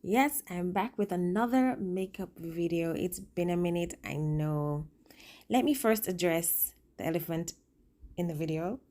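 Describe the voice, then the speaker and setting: Female makeup vlogger, low voice, swollen lip, casual and chatty, emphatic delivery with rambling asides. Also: measured pace, warm tone. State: speaking with a swollen upper lip. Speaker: makeup vlogger and working makeup artist.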